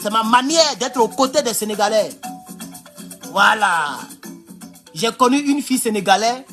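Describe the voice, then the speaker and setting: Fiery, husky-voiced man rallying his viewers. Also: sits high, a bit bright. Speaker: livestream host. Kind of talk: impassioned livestream address.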